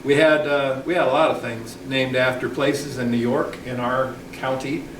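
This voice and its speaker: A man's voice: medium pitch, fairly even intonation, normal speed. Middle-aged man, chatty history talk, far off mic in a noisy echoey room. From Michigan. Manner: rambling, many ums and restarts. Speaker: local history speaker. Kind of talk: informal public talk. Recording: echoey hall, distant mic, background noise.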